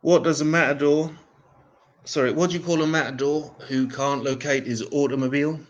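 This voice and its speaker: A man doing a stand-up set of one-liners, deadpan and self-mocking. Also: on the high side, a little fast, muffled recording. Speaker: stand-up comedian.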